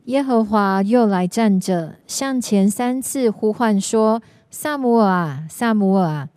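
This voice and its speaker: Female reader, measured scripture reading, dry close sound. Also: medium pitch, mellow, clear, resonant tone, dry recording.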